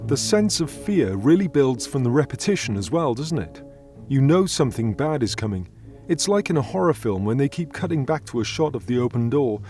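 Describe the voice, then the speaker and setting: A man, delivering a scripted poetry tutorial in a measured, earnest way. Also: mid-range voice, very animated, darkish tone, faint music behind. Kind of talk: scripted educational narration.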